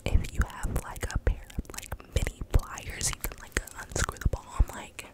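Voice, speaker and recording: A young woman speaks entirely in whispers, right up against the microphone. She tells a personal story in an ASMR style, casual and slangy, rambling along with frequent hesitations. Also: normal speed. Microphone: very close microphone.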